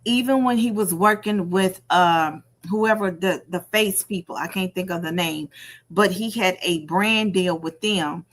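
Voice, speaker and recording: A livestream host with a lowish voice and a measured pace offers casual gossip commentary. Her storytelling is animated and emphatic; she acts out quotes and repeats phrases for effect.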